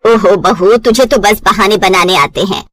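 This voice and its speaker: A woman's voice: medium pitch, a little slow, slight background noise, voice pushed down, natural voice. A woman voicing a demanding mother-in-law in a cartoon story, who scolds and taunts. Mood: nagging.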